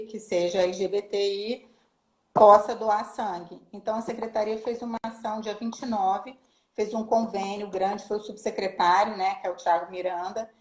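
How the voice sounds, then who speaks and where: A woman with a Rio de Janeiro Brazilian accent tells stories in a relaxed chat. She lively acts out the people in them. Her voice sits at a middle pitch, and the room gives it a noticeable echo. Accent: Brazilian Portuguese, Rio de Janeiro. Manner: animated storyteller, acts out quoted voices. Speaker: guest, human rights official. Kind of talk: casual chat, storytelling. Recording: roomy echo.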